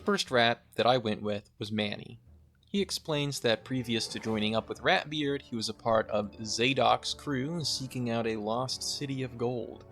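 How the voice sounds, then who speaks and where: A young adult man with a middle-pitched voice narrates a game retrospective. His delivery is scripted yet conversational, with faint music behind him. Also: moderate pace, a bit bright. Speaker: video game essayist.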